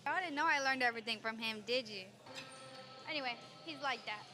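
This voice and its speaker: A woman with a high, bright-sounding voice talks casually in a gym while she trains. She is chatty and explains each exercise, then hypes up her partner during his sets. Music plays clearly in the background. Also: fairly quick. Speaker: fitness vlogger. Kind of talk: casual gym vlog talk.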